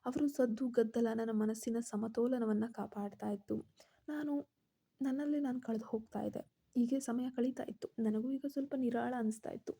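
Female storyteller, dark mellow tone, pitched a bit high. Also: fairly even intonation, moderate pace, gravelly, husky. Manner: voices the characters' quoted lines herself. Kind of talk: first-person story narration.

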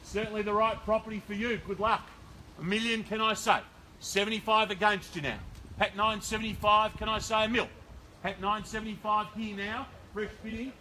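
A middle-aged Australian man works a crowd as a property auctioneer, his voice bright and pitched high. He spins upbeat, persuasive sales patter and rattles off bid amounts in a steady rhythm. He is recorded outdoors by a camera some way off, with faint traffic behind him. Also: brisk, low-quality recording. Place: outdoors on a suburban front driveway. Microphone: far camera, no visible mic.

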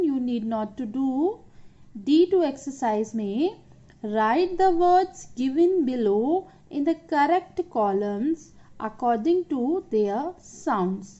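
A woman's voice: high voice, warm tone, muffled recording. A woman teacher with an Indian accent, taking children through an English lesson and switching between English and Hindi as she explains. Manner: slow, deliberate reading aloud for kids.

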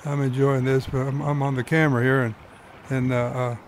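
A man with an ordinary, middle-pitched voice talks through his fishing footage in a relaxed, folksy way. He explains as he goes, plainly and unhurried. A soft wash of background noise sits under him. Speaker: fly-fishing guide and host. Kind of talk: narrating his own fishing video.

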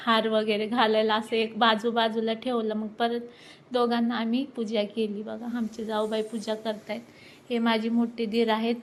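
A woman in her thirties chatting excitedly to viewers while filming a family ceremony at home on her phone. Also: on the high side. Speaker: vlogger. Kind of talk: casual vlog narration. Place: at home during a family ceremony, indoors and outdoors. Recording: faint background noise.

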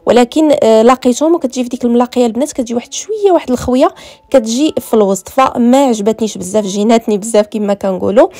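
A woman with a Moroccan Arabic accent, talking at a very fast clip in a mellow, dark-toned voice that sits a little high. She narrates a room tour as if chatting with friends, calling her viewers "girls" and dropping in French words. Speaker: home decor vlogger.

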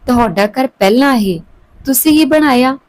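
A woman's voice: high-pitched, animated, moderate pace, a little hiss or hum, voice pushed up. A woman voicing a young daughter-in-law who pleads tearfully with her father-in-law, in a storybook reading. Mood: pleading.

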